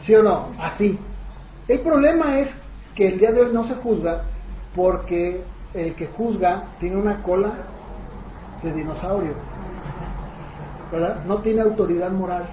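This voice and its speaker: High-voiced pastor, echoey hall. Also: male voice, measured pace, long pauses, warm tone, a little hiss or hum. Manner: keeps asking the congregation rhetorical questions. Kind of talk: conversational sermon. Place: church hall. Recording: echoey, dull lo-fi church room recording.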